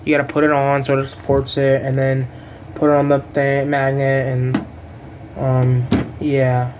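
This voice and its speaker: Rambling, laid-back figure reviewer at a middling pitch, loses track of names and swears offhandedly. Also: monotone, a little slow, background noise. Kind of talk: casual unboxing review.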